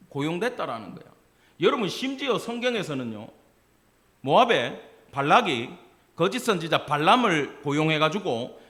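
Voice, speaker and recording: A male pastor from the Gyeongsang region with a Gyeongsang accent, preaching a sermon in an animated way and acting out dialect and quoted voices. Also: fairly high pitch. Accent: Gyeongsang Korean. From Gyeongsang region of Korea.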